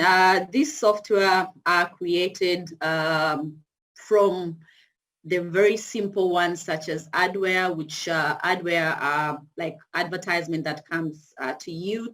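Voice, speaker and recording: A woman's voice: lowish voice, low-quality recording. A woman with a Tanzanian accent giving an informal online presentation as a guest lecturer. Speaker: guest speaker, university cybersecurity lecturer. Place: video call.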